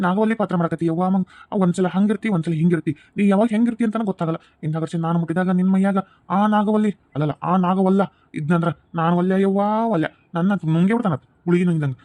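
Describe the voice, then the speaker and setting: A jumpy, fretful village husband in a cartoon, voiced by a man with a North Karnataka Kannada accent. He talks fast in a dark, mellow tone, full of nervous exclamations. The sound is close and dry. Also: sits high, dry recording, lightly acted. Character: nervous village husband, comically frightened of his wife. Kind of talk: cartoon voice acting.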